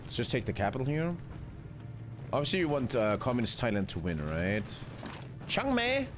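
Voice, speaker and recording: A man's voice: medium pitch, very animated, normal speed, background noise. A man, streaming a strategy game live, chatting with his viewers and swearing casually. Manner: swearing, chatty, reading chat aloud. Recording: faint music behind.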